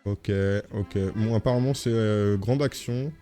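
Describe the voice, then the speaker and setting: A man's voice: fairly low pitch, a little slow, warm tone, faint music behind. A male streamer chatting casually as he plays a game, reading text aloud and joking. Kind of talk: gaming livestream commentary.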